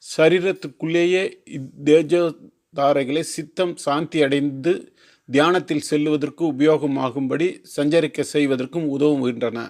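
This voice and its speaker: A man reading a formal religious text aloud, slow and careful, sometimes restarting long words. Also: fairly high pitch, steady tone, a little mellow. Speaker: teacher.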